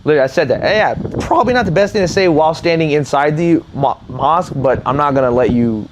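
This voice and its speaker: A man's voice: a little high, quick pace, background noise. A man co-hosting a casual chat, telling stories bluntly and with plenty of swearing. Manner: blunt, profane, animated storyteller. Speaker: podcast co-host.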